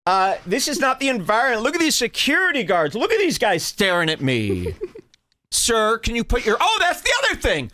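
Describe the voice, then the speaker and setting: A man's voice: very high-pitched, wildly swooping pitch, normal speed, sharp tone, dry recording. A man hosting a podcast, telling a comedic story in an exaggerated, indignant way. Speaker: podcast host.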